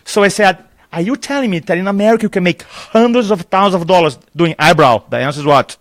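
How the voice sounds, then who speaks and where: A Brazilian man, a native Portuguese speaker with a thick accent, appears as a guest in an enthusiastic live interview at a conference venue; he is a public speaking trainer. An animated storyteller, he acts out dialogue and laughs often. His voice sits high and moves quickly, with no room sound.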